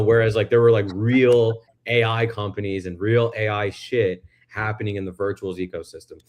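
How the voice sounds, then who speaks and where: Male livestream host, loose and excitable talker, casual swearing. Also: fairly low pitch. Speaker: stream host. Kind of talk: casual chat.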